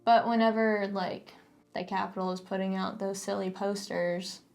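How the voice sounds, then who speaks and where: A woman's voice: mid-range voice, fairly even intonation, moderate pace, gravelly, a little mellow, soft background music. Sarcastic, critical woman in casual discussion. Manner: critical, sarcastic mock-quoting. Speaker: co-host of a book discussion. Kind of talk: casual opinionated book critique.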